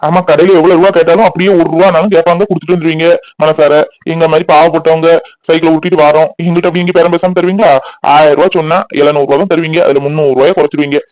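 A man's voice: on the high side, fairly even intonation, racing, darkish tone, dry recording, natural voice. A man voicing a poor cartoon sari vendor who pleads and complains about his small profit. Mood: complaining. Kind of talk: cartoon voice acting.

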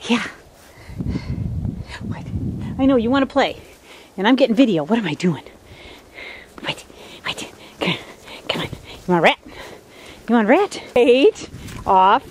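A woman's voice: a little high, very animated, unhurried, pauses often, noisy background. A woman outdoors in the snow, filming her dog on a handheld camera and talking to it in a coaxing pet-talk voice with commands and praise. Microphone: handheld camera she is filming with.

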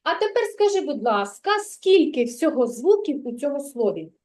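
Patient kindergarten teacher, woman, high gentle voice, mellow tone, unhurried. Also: big pitch swings. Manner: patient, slow, encouraging, praising often. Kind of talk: remote literacy lesson with a child.

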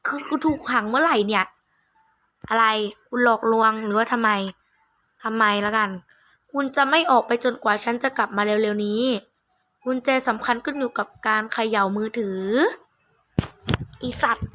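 A woman's voice: a little high, moderate pace, long pauses, sharp tone. A woman doing casual gameplay commentary, reading game text aloud and reacting in a blunt, mocking, foul-mouthed way. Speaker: gamer playing through a horror game.

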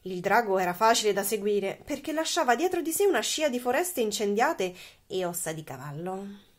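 Woman, storybook reading, expressive, playful, breathy voice, lively pitch. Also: moderate pace.

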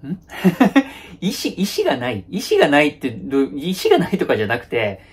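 A young boyfriend who avoids every argument, as a comedian acts him out. His husky voice swings up and down as he repeats phrases over and over to soothe, with awkward little laughs. It is a one-sided comedy sketch. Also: on the high side, wildly swooping pitch, brisk, exaggerated voice. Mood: placating. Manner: nervous placating repetition of phrases. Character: young male boyfriend, placating, avoids any conflict.

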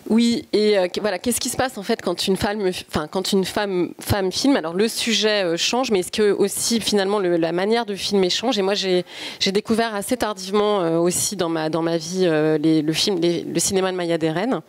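A woman moderating a live talk in a shop, halting and full of fillers as she steers questions to the guest. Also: mid-range voice, fairly even intonation, dry recording. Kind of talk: hosting a public talk.

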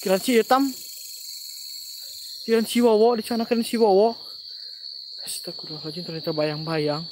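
A man's voice: high-pitched, moderate pace, long pauses, noisy background. Man murmuring prayers in a nighttime outdoor vlog. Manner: alternates hushed murmured prayers with loud excited calls. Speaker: live-stream ghost hunter. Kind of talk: live-streamed ghost-hunting vlog. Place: outdoors at night in woods or garden.

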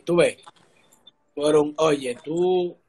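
Hosting a casual sports interview on a remote video call from indoors, a middle-aged show host with a Dominican accent talks informally and slangily. His voice is fairly high and extremely slow, and background noise comes through from a device at arm's length.

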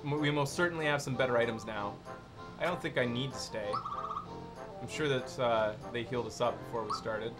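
A young man gives casual gameplay commentary as host. His voice sits in a middle-to-deep everyday range, with game music clearly behind him. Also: brisk. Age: young adult. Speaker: host playing a video game. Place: indoor studio set, seated on a couch. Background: video game music.

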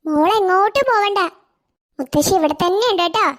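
A woman voicing a doting, anxious old grandmother in a cartoon, talking slowly and fondly. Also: very high-pitched, pitched above the performer's own voice. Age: older. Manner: slow, doting, fretful.

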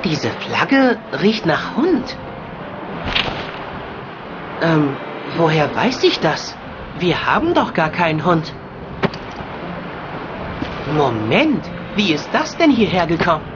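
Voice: mid-range voice, very animated, takes it slowly, pauses often, highs cut off. A woman voicing a naive, polite boy apprentice in a video game, innocent and earnest. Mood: wondering. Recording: clear background ambience noise.

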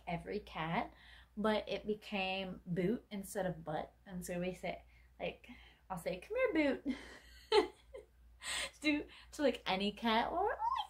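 Woman in her twenties, late-night chatty vlogger, wandering and self-deprecating. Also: mid-range voice. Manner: rambling, self-mocking, many fillers. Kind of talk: casual late-night chat vlog.

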